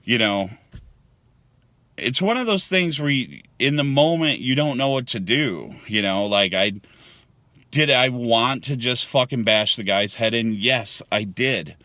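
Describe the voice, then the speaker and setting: A man's voice: mid-range voice, animated, a little slow, sharp tone, no echo. A man ranting angrily to his phone camera in a casual vlog, swearing a lot and rambling. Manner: angry, profane and rambling. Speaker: vlogger. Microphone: handheld phone.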